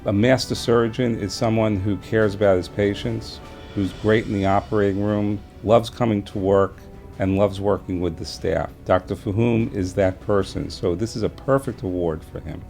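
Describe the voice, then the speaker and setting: Low, gravelly man. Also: moderate pace. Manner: steady, admiring. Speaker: hospital colleague. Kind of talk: tribute interview. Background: soft background music.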